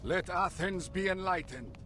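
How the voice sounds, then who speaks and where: A haughty cult herald. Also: male voice, high voice, unhurried, bright, forceful tone, slight background noise. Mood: proclaiming. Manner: proclaiming.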